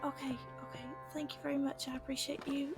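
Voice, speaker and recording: Role-play passerby acted by a woman: high voice, flustered, courteous, hesitant, music behind her. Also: level tone, fast. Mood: polite, hesitant. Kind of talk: improvised in-character online role-play.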